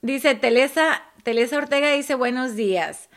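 Woman co-host, brisk comment-reading on a casual stream. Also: high-pitched. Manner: reads comments aloud warmly, quick and chatty. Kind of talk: casual live-stream chat.

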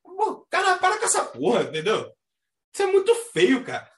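A man with a Brazilian Portuguese accent hosting a casual astrology chat, talking in a slangy, animated way and mimicking the people he describes. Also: very high-pitched, normal speed. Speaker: astrology talk host. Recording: echoey room.

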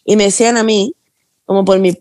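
A woman's voice: medium pitch, a little fast, no room sound, studio quality. A young woman with a Chilean accent, chatting casually with friends and acting out quotes as she tells stories. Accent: Chilean Spanish. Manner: animated storytelling, acting out quotes. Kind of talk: casual chat among friends.

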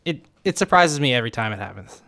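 A man's voice: mid-range voice, expressive, quick pace, creaky, bright, forceful tone. A man co-hosting a comedy podcast, dry and teasing in casual chat. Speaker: podcast co-host.

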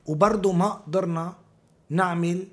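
A man's voice: high voice, fairly even intonation, normal speed. A man with a Lebanese accent in an informal political discussion, talking emphatically with repeated phrases and rhetorical questions.

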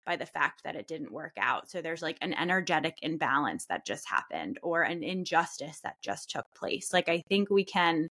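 Woman therapist, co-host, lower pitch, reflective, filler-heavy chat. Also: lively intonation, moderate pace, hardly any pauses, bright, forceful tone. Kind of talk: casual podcast chat.

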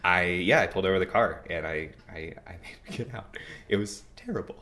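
A man talking in a relaxed, rambling way, with lots of filler words. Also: sits low, fairly quick. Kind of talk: casual conversation.

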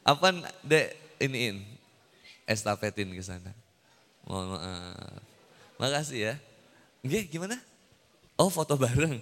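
A man's voice: medium pitch, sing-song, takes it slowly, pauses often, a bit bright. A man giving a casual, humorous sermon to young people, teasing the audience with playful questions. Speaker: preacher. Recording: long hall reverb.

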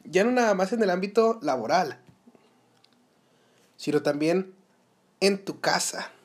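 A man's voice: high-pitched, expressive, unhurried. A young man with a Mexican Spanish accent hosting a solo podcast, giving earnest advice and asking the listener rhetorical questions. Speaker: podcast host. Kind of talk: motivational solo podcast talk.

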